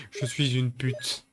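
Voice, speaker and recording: A man streaming a video game live, chatting with his viewers in crude, joking banter. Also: mid-range voice. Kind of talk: live-stream gaming commentary.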